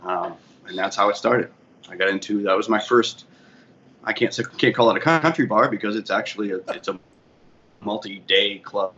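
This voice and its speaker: Muffled audio with faint ambient noise holds a fairly low-pitched man with a sharp tone and a moderate pace. He's a guest in a casual interview, a DJ and bar manager from the Boston area, USA, with a Boston accent. He rambles as he tells his career story and often corrects himself.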